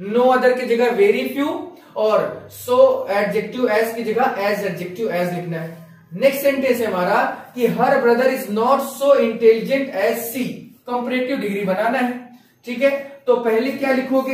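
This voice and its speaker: A man with a Hindi accent teaching an English grammar lesson, explaining step by step and asking rhetorical questions as he goes. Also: extremely high pitch. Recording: echoey room, voice from a distance.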